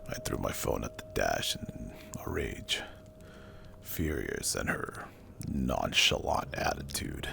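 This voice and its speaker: A man with a rock-bottom, breathy voice tells a horror story in a hushed ASMR whisper. His delivery is slow, deliberate and spooky, thick with gravelly fry. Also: extremely low pitch, very animated, a little hiss or hum. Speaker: narrator. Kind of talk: whispered ASMR horror storytelling, scripted first-person narration. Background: music.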